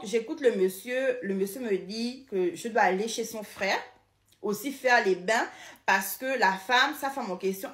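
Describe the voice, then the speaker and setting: A young woman with a Cameroonian French accent, casually recounting her own experience, repeating words and restarting often. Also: medium pitch. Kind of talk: casual personal testimony. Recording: roomy echoing room sound.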